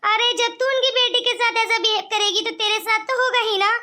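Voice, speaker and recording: A woman's voice: very high voice, steady tone, a little fast, sharp tone. A woman voicing a worried, protective mother in a cartoon, coaxing and fussing over her daughter. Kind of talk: cartoon voice acting.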